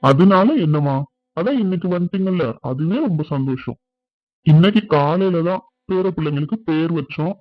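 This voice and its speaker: An earnest, middle-aged village family man in a cartoon, played by a man. His voice sits fairly high for a man and carries a plain, conversational manner. The recording is dry and a bit dull, like a lo-fi studio dub. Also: moderate pace, no echo, natural voice. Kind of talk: cartoon dubbing.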